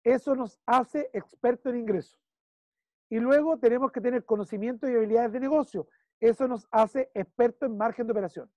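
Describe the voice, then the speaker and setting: A man's voice: extremely high pitch, brisk, dark tone, no echo. A man with a Chilean accent coaching a client one-on-one, emphatic and repeating key phrases while he checks in. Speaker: business consultant.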